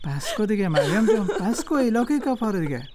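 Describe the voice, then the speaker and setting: A man with an Afghan Dari accent playing a husband who defends himself and tries to calm his wife in a drama. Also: sits high. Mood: placating. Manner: coaxing, defensive.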